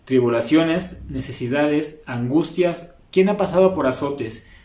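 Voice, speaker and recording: A man with a Mexican Spanish accent preaching a sermon as a youth pastor, impassioned, reading scripture slowly. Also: a little high, darkish tone. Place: church hall. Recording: echoey church hall.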